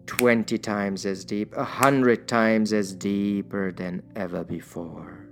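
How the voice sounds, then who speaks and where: A man guiding a hypnosis session in a soothing, measured manner with drawn-out pauses. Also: fairly low pitch, steady tone, faint music behind. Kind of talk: guided hypnosis induction, soothing instruction.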